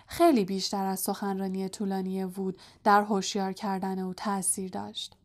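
A woman narrating a storybook in a soft, quiet, even-paced voice. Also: mid-range voice. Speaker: audiobook narrator.

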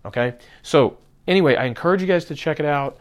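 A man's voice: fairly high pitch, fast. A man hosting a podcast, talking casually about marketing to his listeners, with many fillers and restarts. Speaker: podcast host.

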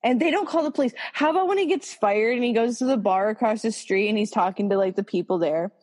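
A woman's voice: fairly high pitch, fast talker, long reverb tail. A woman co-hosting a podcast, chatting casually and swearing freely as she retells scenes. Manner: swears freely, animated retelling with quoted voices. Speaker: podcast co-host. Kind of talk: casual chat.

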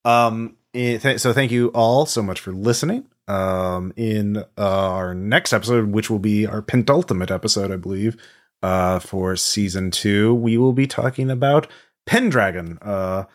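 A man's voice: on the low side, moderate pace. A man hosting a tabletop game podcast in casual chat, hesitant with many fillers as he wraps up the episode. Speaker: podcast host.

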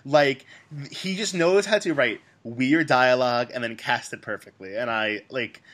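A man's voice: mid-range voice, moderate pace, a bit bright. A man in casual podcast chat, enthusiastic and gushing about a movie, laughing easily. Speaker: podcast co-host.

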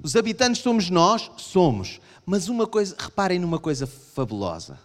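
Animated Portuguese preacher in reverberant hall. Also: male voice, normal speed. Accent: European Portuguese. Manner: animated, acts out voices of the congregation in raised pitch. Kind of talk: sermon.

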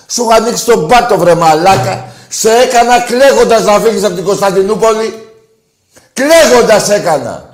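A man hosting a call-in radio show, combative and insulting toward callers, swinging between loud outbursts and low muttering. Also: roomy sound. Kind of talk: heated call-in show banter.

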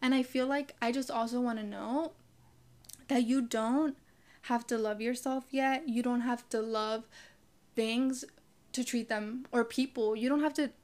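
A woman's voice: a little high, steady tone, unhurried, darkish tone. A young woman hosting a podcast, talking earnestly and casually about self-love and cursing freely. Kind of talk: casual motivational talk.

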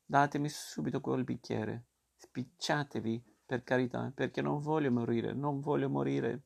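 A man's voice: medium pitch, fairly even intonation, unhurried, gravelly, darkish tone. A man reading a storybook aloud and voicing a stubborn, whiny wooden puppet boy in a raised voice. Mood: frightened. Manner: whiny, protesting.

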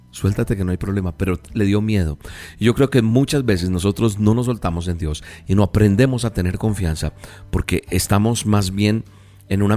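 Low male preacher, earnest, repetitive storytelling sermon. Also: darkish tone. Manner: earnest storytelling, repeats words for emphasis. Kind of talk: radio devotional sermon.

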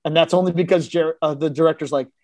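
An actor appearing as a podcast guest tells a vivid behind-the-scenes anecdote, acting out quoted dialogue in shifting voices. He's casual and blunt, swearing now and then, with a steady voice on the high side, a quick pace and a slightly mellow tone. The recording has no echo.

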